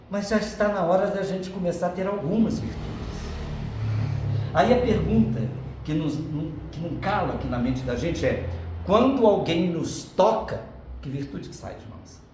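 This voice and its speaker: A middle-aged man gives a spiritist lecture, talking in a chatty, playful way that slips between earnest teaching and little jokes. His voice sits fairly high for a man. He is picked up from a distance in a booming, echoey hall, with a faint hum underneath. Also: mellow. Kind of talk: spiritist lecture with joking asides. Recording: echoey hall from far off, faint background noise.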